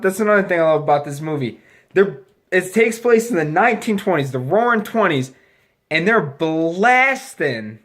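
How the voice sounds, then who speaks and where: A man with a slightly high voice, drunk and getting drunker, talks through a movie review. He rambles, doubles back on his sentences and drops crude slang and swearing as he goes. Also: fairly bright tone. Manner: rambling, loses his thread, restarts sentences; profane, crude slangy talk. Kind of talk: casual rambling film review to camera.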